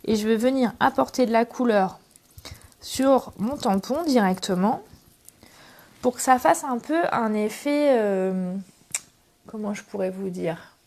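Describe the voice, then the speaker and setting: A woman from France hosting a relaxed craft tutorial, talking casually through each step with many fillers. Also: medium pitch. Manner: chatty, relaxed, thinks aloud with fillers. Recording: faint background noise and clicks.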